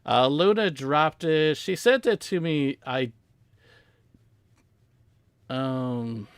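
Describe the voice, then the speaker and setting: A man hosting a casual game live stream from home, rambling softly as he chats with his viewers. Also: fairly high pitch, animated, very slow, clean tone, dry recording. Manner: rambling, soft-spoken, chatting with viewers.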